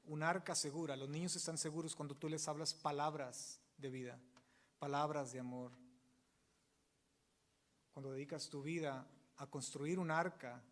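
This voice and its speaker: A man's voice: on the high side, reverberant. A man preaching a sermon as pastor, emphatic and explaining Hebrew words to his congregation. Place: church sanctuary.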